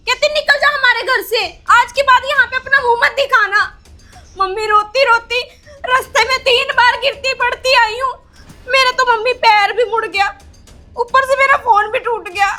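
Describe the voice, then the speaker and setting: A woman's voice: extremely high pitch, sharp tone. A woman playing a distraught young married daughter in a family drama skit, pleading and tearful.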